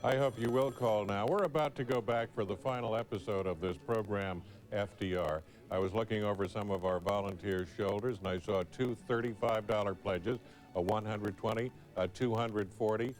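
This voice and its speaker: A man hosting a public television pledge drive, making an earnest, measured appeal in formal phrasing. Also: fairly low pitch, fairly even intonation, a little mellow, faint music behind.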